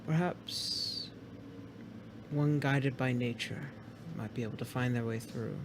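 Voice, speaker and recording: A man playing a gentle, wise shopkeeper in a tabletop fantasy game, talking in a soft, measured, kindly way. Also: mid-range voice, steady tone, noisy background. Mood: gentle, knowing. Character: gentle, wise, welcoming shopkeeper sharing forest lore.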